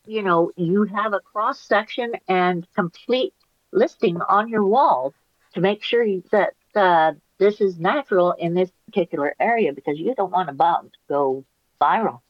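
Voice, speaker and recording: A woman's voice: on the low side, normal speed, dry recording, highs cut off. A woman co-hosting a casual podcast chat, making dry, teasing quips. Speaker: podcast co-host.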